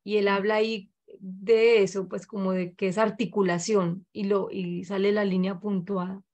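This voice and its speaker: A woman in a study group talks casually, stumbling over false starts as she explains her point. Her voice is at a middle pitch. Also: flat delivery, normal speed, a little mellow, lo-fi sound. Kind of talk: casual discussion.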